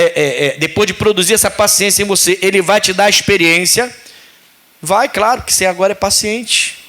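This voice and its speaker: A pastor preaches with a high, lively voice that swings widely as he tells a story. He slips into the voices of the people in his story and speaks directly to his congregation. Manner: animated storytelling preacher, acts out dialogue. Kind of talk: sermon.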